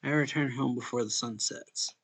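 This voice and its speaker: Reading through a visual novel informally, a man narrates and performs the dialogue, tripping over words and fixing his mistakes. He speaks at a normal speed in a medium pitch that sounds a bit bright. It is a low-quality recording.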